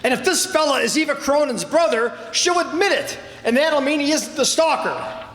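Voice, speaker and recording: A man's voice: very high voice, expressive, moderate pace, fairly bright tone. A man acting as a blustery, exasperated police inspector in an old-time radio mystery, bossy and emphatic. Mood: excited, blustery. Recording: echoey hall stage recording.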